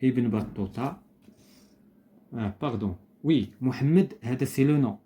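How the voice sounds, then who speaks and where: A man with a Moroccan accent explaining a primary school lesson, slowing down to spell out phrases carefully. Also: medium pitch, mellow. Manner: switches between Moroccan Arabic and slow, deliberate French. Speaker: teacher.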